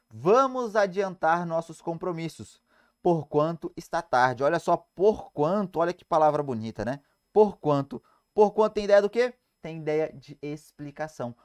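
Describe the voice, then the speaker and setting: A man with a Brazilian Portuguese accent teaching grammar in an online exam-prep lecture, emphatic and asking and answering his own questions. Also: on the high side.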